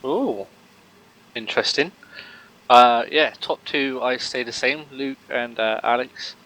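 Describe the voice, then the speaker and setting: A man's voice: mid-range voice, takes it slowly, a bit bright, low-quality recording. A man commentating a sim race live, rambling with lots of fillers and joking banter with his co-host.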